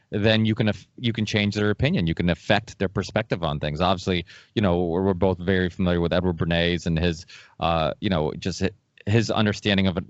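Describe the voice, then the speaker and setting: His voice sits low, with no room sound, though the recording is dull and lo-fi. This Portuguese-born podcast host from Massachusetts talks casually, in a rambling, emphatic style, circling back to repeat himself.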